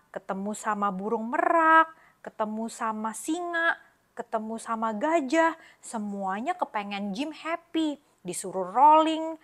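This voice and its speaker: A woman reading a picture book aloud to children, telling the story in an animated, expressive way and talking to her young listeners directly. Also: fairly high pitch.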